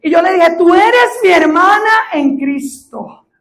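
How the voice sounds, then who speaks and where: A high-voiced woman pastor with a Puerto Rican accent preaches a sermon. She tells a story from her own life and swells into fervent, shouted appeals. She sounds middle-aged. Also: lively intonation, slow pace. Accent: Puerto Rican Spanish. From Puerto Rico.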